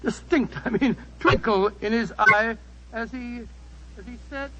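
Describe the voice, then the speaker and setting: An actor playing a genial, rambling older English doctor who recalls adventures in 1940s radio style. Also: male voice, very high-pitched, unhurried, background noise. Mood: reminiscing. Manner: avuncular, hearty, rambling storyteller. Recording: muffled 1940s radio broadcast recording.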